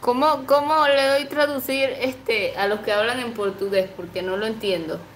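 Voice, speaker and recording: A woman's voice: a little high, steady tone, moderate pace, echoey room, slight background noise, low-quality recording. A woman in her twenties chatting casually on a livestream, reading comments aloud, giggling often and cooing baby talk to her pet. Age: 20s. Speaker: livestream host.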